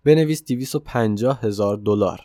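A man reading the part of a calm, self-assured wealthy male millionaire who mentors a young man in an audiobook story. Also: lowish voice, no room sound, studio quality, lightly acted. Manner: calm and insistent.

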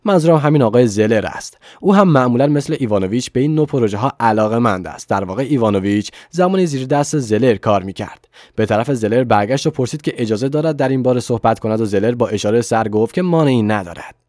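A man narrating a novel as an audiobook, calmly quoting the characters in his own voice. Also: medium pitch, no echo, studio quality.

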